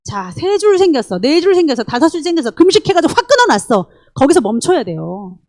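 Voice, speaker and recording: High-voiced, lively woman pastor preaching. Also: quick pace, no room sound. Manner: animated, acts out little dialogues in changed voices; asks the congregation many rhetorical questions. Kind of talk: sermon.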